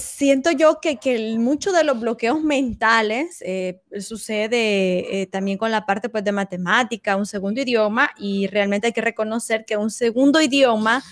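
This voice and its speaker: A woman's voice: fairly high pitch, dry recording, studio quality. A woman with a Salvadoran Spanish accent, an interviewer reflecting on the guest's answers, thinking aloud with fillers. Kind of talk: interview commentary.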